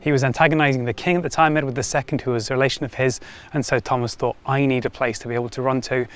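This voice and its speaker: Lively man telling castle history. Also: medium pitch, very fast. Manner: lively storytelling, wry asides. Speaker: heritage site guide. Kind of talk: explaining history on a site tour.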